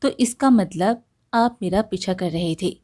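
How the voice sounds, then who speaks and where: A woman voicing a brave, poor young village woman who talks in sharp, indignant questions. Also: medium pitch, a little slow, natural voice. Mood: startled, questioning.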